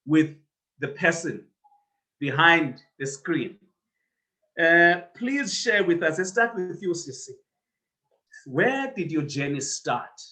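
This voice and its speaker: A man with a fairly high voice hosts a live online podcast. He welcomes his guests and greets viewers by name. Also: bright, forceful tone, rough recording. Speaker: podcast host. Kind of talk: hosting a live online interview.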